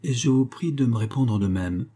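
A man reading aloud and voicing a young male nobleman, earnest and measured, a little above his own low, husky voice. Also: mellow, close to an everyday voice.

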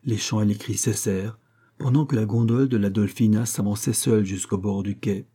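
A man narrating a literary story in a measured, expressive reading style. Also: lowish voice, breathy edge. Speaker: audiobook reader.

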